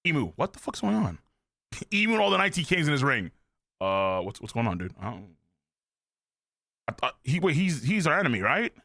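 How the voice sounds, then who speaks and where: A man streaming a live manga reaction, excitable and profane, full of slang. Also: mid-range voice, moderate pace, creaky, long pauses.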